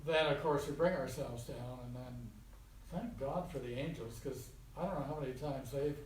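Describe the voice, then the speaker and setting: This is a spiritual teacher addressing a small group informally, folksy and colloquial, with repeated phrases for emphasis. He has a mid-range voice and a moderate pace, captured on a distant mic that sounds roomy with faint noise.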